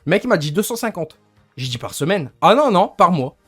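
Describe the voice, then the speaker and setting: A young man rants to his livestream chat about his frustrations, rambling and hunting for words as he goes. His voice sits a little high, the sound is dry and close, and faint music plays underneath. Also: big pitch swings, a little fast, husky, dry recording. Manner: rambling, gets annoyed, searches for words. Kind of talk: casual venting to stream chat.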